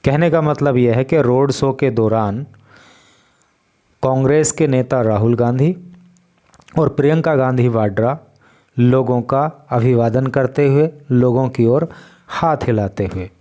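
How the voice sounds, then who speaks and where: Slow and patient, an Indian man works through newspaper vocabulary word by word, teaching the English terms in Hindi. His voice sits in the mid range and has a warm tone.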